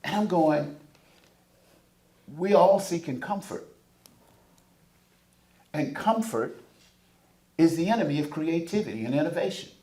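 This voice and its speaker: The conference room is echoey as this panelist from the American South delivers emphatic build-ups reminiscent of a preacher. A little high and slightly mellow, his voice has lively intonation, and he talks somewhat slowly with frequent pauses.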